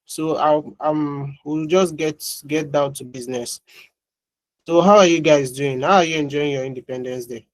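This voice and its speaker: A man's voice: a little high, steady tone, normal speed, no echo, rough recording. A man teaching a class over a video call, chatting casually and often restarting or repeating his words. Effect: heard over a video call. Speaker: tutor. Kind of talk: online class, casual chat before teaching.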